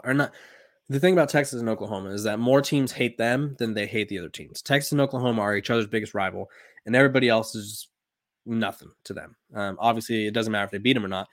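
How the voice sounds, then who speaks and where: A young man in his twenties hosts a sports podcast, talking casually and rambling with lots of "um"s, fillers and restarts. His voice is fairly low, and the recording is dry and clean, with studio sound.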